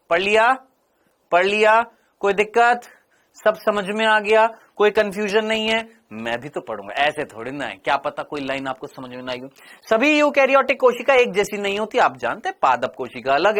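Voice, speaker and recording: A middle-aged male teacher giving a biology lecture, asking questions and answering them himself, and drawing out key words slowly. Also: sits high, a bit bright. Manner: stretches out key terms slowly.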